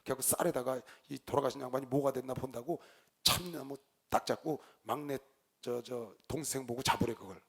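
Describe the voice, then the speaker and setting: A male pastor preaching, telling a story with lively swings between loud outbursts and quiet low asides. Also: brisk, husky. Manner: animated storyteller, shouts quoted lines, drops to low asides. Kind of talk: sermon with storytelling.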